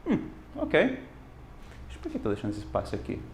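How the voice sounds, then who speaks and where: A man with a lowish voice and vocal fry talks a little fast in an echoey room, with a bit of hiss or hum. In his casual video lesson he teaches English through Portuguese, which is his second language, and he goes back and forth between the two with lively expression.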